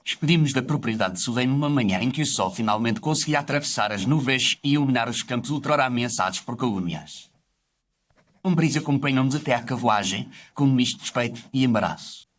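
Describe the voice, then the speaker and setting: Delivering formal, literary first-person narration, an actor voices a reflective gentlemanly doctor recounting his memoirs. The voice sits at medium pitch, lively and brisk, not far from how someone talks day to day.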